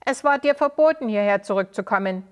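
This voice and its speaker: A man's voice: sits high, animated, a little fast, smooth. A woman doing an angry accusing townsman. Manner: loud and accusing. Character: angry grown man of the townsfolk.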